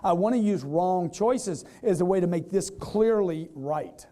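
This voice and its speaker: A man giving an energetic live sales seminar, quizzing the audience and acting out customers in quoted voices. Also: sits high, unhurried. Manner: energetic, repetitive, keeps quizzing the crowd. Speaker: sales trainer.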